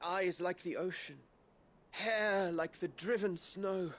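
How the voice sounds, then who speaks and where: A man's voice: sits high, slow pace, a bit bright, heavily acted. An actor playing a lovelorn male suitor in a video game, with flowery, theatrical delivery. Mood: lovelorn, earnest.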